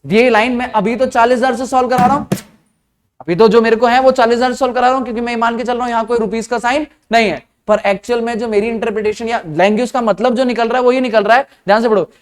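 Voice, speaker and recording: A male accounting lecturer with an Indian accent, teaching casually and quizzing his students. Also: very high voice. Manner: conversational, asks students questions. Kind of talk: classroom lecture.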